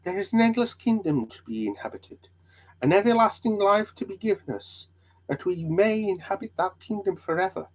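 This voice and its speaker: A man's voice: sits high, animated, moderate pace, voice pushed up, low-quality recording. A man voicing an earnest, devout, burdened pilgrim in a hammy, theatrical dramatic reading of an old allegory. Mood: fervent.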